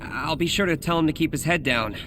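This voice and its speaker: A man's voice: a little high, a little fast, close to an everyday voice. A young man playing an anxious, earnest superhero with a double life in a video game, boyish and hesitant in manner. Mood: awkward. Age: young adult. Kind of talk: video game cutscene acting. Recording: clear background noise and ambience.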